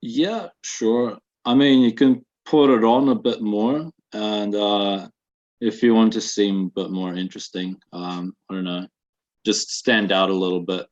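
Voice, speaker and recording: A Russian man in his twenties, his accent softened slightly by New Zealand, answers interview questions as a guest, halting and full of fillers. His voice is on the low side with fairly even intonation, heard over dull lo-fi webinar audio.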